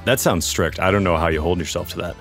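A man's voice: low-pitched, quick pace, fairly bright tone, soft background music. A man co-hosting a podcast, making witty quips in casual chat. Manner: witty, quipping. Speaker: podcast co-host.

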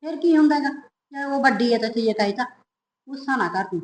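An actress with a Punjabi accent playing a patient mother who gently consoles her daughter. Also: on the high side, animated, fast, slight background noise, natural voice. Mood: consoling. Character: patient mother, soothing peacemaker. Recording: echoey room.

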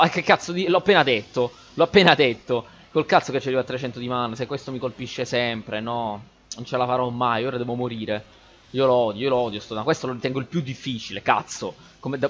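Guy doing live gameplay commentary, hyped and swearing, talking to viewers, kinda muffled lo-fi mic w faint hiss. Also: medium pitch. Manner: excitable, swearing, chatting to viewers. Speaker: gaming channel host.

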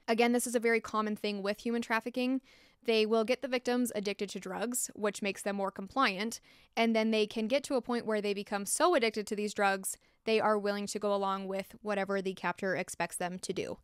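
Sitting close to a desktop mic in a small log-walled room, a young American woman narrates a scripted true-crime story, adding frank, opinionated asides in an informal tone. Her mid-range voice is fairly bright, clear and resonant, and there's no room sound.

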